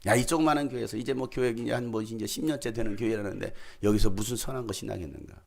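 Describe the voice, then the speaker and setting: A man's voice: mid-range voice, fairly even intonation, fast, vocal fry. A middle-aged man preaching a sermon as a pastor, telling humorous anecdotes and acting out dialogue. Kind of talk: sermon with storytelling.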